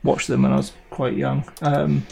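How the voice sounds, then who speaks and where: A man's voice: mid-range voice, monotone, moderate pace, gravelly, warm tone, slight background noise. A man co-hosting a casual podcast chat, hesitant with frequent restarts and "um"s, recorded over a remote call from home. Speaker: podcast co-host.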